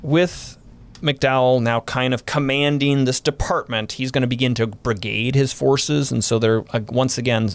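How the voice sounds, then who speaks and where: A man's voice: mid-range voice, fairly even intonation, moderate pace. A man, a historian guest on a podcast, explaining military history in a casual but detailed way, running through units and dates.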